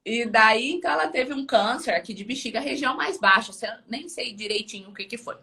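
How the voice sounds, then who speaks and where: A woman's voice: a little high, brisk, bright, forceful tone. A woman audiologist talking casually as an interview guest, chatty and peppering her sentences with little check-in tags.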